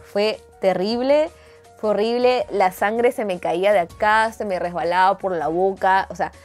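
Animated Peruvian woman vlogger. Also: medium pitch, a little slow, soft background music. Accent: Peruvian Spanish. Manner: animated, dramatic retelling with crude slang. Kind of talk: casual storytelling to camera.

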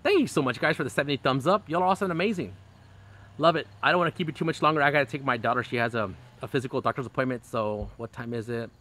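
Speaking rapid-fire with a medium pitch and a slightly bright voice, this middle-aged fishing-channel host chats casually on a live stream. He's outdoors beneath a canopy in his backyard, full of fillers, restarts and laughing bursts. The mic is a close-up phone camera.

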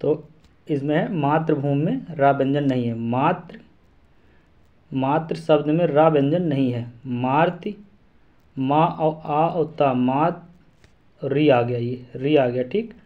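A man's voice: mid-range voice, measured pace, phone-quality sound. A man teaching an exam-prep lesson, repeating syllables and memory rhymes aloud to drill them in.

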